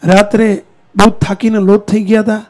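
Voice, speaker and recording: A man's voice: high voice, little pitch movement, normal speed, a little mellow. A man preaching a sermon in a temple hall, speaking straight to the congregation with questions and challenges.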